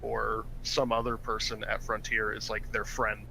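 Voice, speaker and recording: A man's voice: on the low side, completely flat delivery, moderate pace, creaky, sharp tone, slight background noise. A man co-hosting a casual gaming podcast from home over a headset, rambling and joking with lots of fillers. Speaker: podcast co-host.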